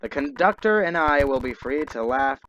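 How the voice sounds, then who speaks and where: A man's voice: on the high side, lively intonation, moderate pace, a bit bright, highs cut off, slight background noise. A man voicing a sinister, scheming sentient train in a video game playthrough, speaking in a cold, menacing way.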